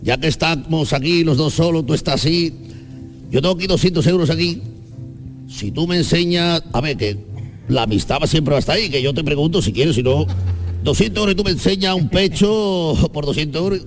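A man voicing a sly middle-aged male neighbor in a joke, talking in a smooth, wheedling way. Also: a little high, brisk, soft background music, close to an everyday voice.

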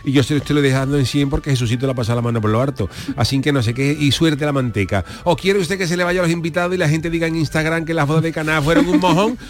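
Man performing a grasping talent agent, breakneck pace, smooth salesman patter, radio comedy. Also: a little high. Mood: wheedling. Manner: rapid, wheedling salesman patter. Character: pushy fast-talking male talent agent.

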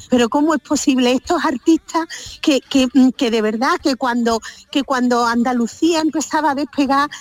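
A woman with a strong Sevillian accent talking on a radio panel, emphatic and given to repeated rhetorical questions. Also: sits high. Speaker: radio commentator.

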